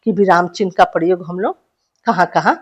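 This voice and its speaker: A woman's voice: on the low side, brisk, highs cut off. A woman teaching grammar to schoolchildren, who asks questions and answers them herself and repeats phrases. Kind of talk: classroom grammar lesson for children.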